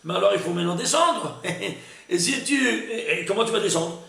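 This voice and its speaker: A man teaching a Torah lesson in an echoey room, his voice high and bright with a gravelly edge. He talks in an emphatic rush, stumbling over restarts and stopping to ask whether the class is following. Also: normal speed. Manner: lively and emphatic, full of restarts, asks "C'est clair?" often.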